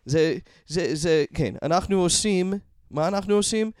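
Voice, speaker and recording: A man's voice: high-pitched, darkish tone, clear, resonant tone, dry recording, clean studio sound. A man in his chats casually, searching for words and often repeating himself as he goes. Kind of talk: casual conversation.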